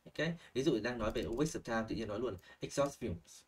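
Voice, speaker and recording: Brief: young male language teacher on a video call, lively and coaching, a little far from the mic, typing heard. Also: medium pitch, fairly quick, husky. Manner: animated, models phrases, checks in with "ok?" and "chưa?". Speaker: IELTS speaking teacher. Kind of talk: online lesson feedback, mixing Vietnamese and English.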